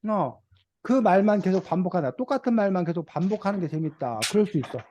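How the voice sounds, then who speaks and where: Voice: medium pitch, lively intonation, fast, a little mellow, slight background noise. A reading teacher leading an online video class for children, patiently asking them questions. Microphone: video call.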